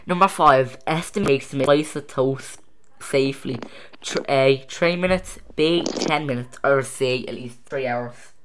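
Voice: medium pitch, measured pace, a little hiss or hum. A casual home-video host reading quiz questions aloud, stumbling over words and restarting.

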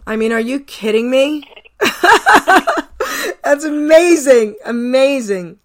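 A female radio host with a somewhat high voice. She talks casually and gushes over her guest. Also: unhurried, a little mellow, soft background music. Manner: gushing, effusive.

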